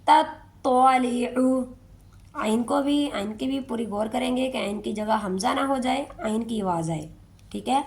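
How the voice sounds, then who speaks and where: Lady tajweed teacher, kinda high voice w gravelly edge, keeps asking "okay?". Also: a little mellow. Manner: checks in often with a rising "okay?", repeats each word slowly. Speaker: Quran recitation teacher. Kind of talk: tajweed lesson, explaining rules then reciting verses slowly.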